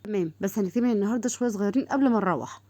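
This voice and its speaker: Woman voicing firm male boss, commanding, quick, dry. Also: medium pitch, warm tone, no echo, lightly acted. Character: firm male team leader giving orders.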